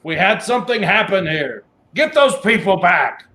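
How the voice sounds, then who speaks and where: A man voicing a commanding hobgoblin warlord, pitched up. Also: lively intonation, normal speed, sharp tone. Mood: stern, commanding. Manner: commanding, insistent. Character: stern, suspicious hobgoblin warlord, demanding and irritated.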